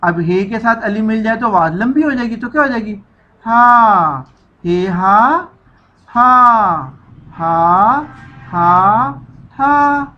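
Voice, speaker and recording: A woman's voice: fairly high pitch, animated, slow pace, highs cut off, faint music behind. A woman teacher giving a children's reading lesson, stretching out syllables and repeating each sound for the children to echo.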